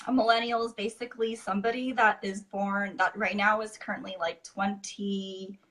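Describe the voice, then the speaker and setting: A Californian woman in her twenties, guesting in a casual interview, chats easily with a medium-pitched, slightly bright voice. She speaks at a moderate pace with flat delivery and keeps saying "you know" and "like."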